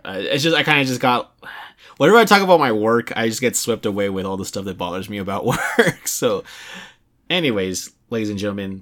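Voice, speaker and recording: A man's voice: on the low side, fairly bright tone. A young adult man hosting a casual video game podcast, talking in a rambling way with many restarts and fillers. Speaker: podcast host.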